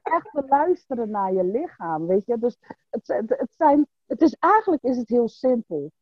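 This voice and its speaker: Woman coach, slightly high voice, dry tinny phone-like sound, patient explainer for a podcast chat. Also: very animated, normal speed, no room sound. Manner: explains patiently with frequent "snap je?" and "weet je". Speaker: coach and workshop teacher. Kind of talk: casual podcast conversation.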